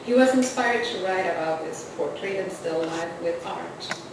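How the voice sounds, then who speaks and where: The recording is roomy, distant, and noisy, made in a literary arts center's event hall. There, a woman with a lowish, creaky voice and measured pace introduces a poetry reading and slideshow as host and anthology editor, earnest and a bit rambling.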